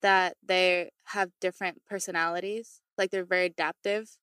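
Young female co-host, bright tone, enthusiastic, dry studio sound. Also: fairly low pitch, little pitch movement, moderate pace, clear, resonant tone, no echo. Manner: chatty, enthusiastic, teasing. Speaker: podcast co-host. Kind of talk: casual podcast chat.

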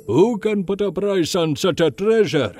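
Man putting on a high, shrill old shopkeeper. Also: a little slow, faint music behind. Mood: wheedling. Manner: whispering then booming, high and animated. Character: wheedling old male shopkeeper, pushy and volatile.

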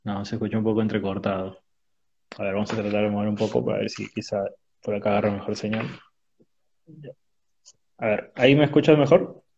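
Over a video call, a man with a lowish, slightly mellow voice and vocal fry runs a quick-fire question round, his intonation fairly even. He keeps his questions brief and direct, with filler pauses between them. Slight background noise sits under the remote audio, which is dull and choppy from a weak connection.

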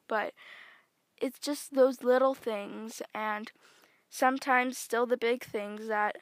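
A teenage girl musing aloud on her solo podcast, her slightly high voice unhurried and meandering, full of little fillers and restarts. She sits very close to the mic, and the recording is dry with no room sound. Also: dry recording. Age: teens. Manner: rambling, chatty, many fillers and self-corrections. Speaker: podcast host. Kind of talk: casual solo podcast monologue. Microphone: close microphone.

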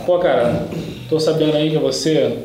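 A man, speaking in a fairly high voice, tells stories in a casual podcast chat and laughs often. The room is very echoey, and a faint hiss sits under the voice. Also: normal speed. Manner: animated storytelling, laughs often. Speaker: podcast host.

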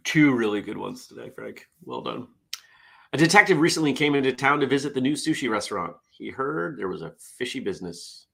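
A man's voice: mid-range voice, very animated, fairly quick, vocal fry, pushed and bright. A middle-aged man hosts a casual morning show, chatty and self-deprecating as he reads out corny puns. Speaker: host. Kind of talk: casual morning show chat, reading jokes.

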